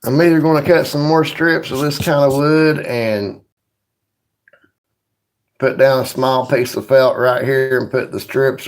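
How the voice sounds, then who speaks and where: A man from Northeast Tennessee with a thick Appalachian accent, chatting casually and folksily as he hosts a livestream. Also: mid-range voice. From Northeast Tennessee, USA. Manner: folksy, informal rural grammar. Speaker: livestream host and woodworking maker. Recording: roomy, echoey indoor sound.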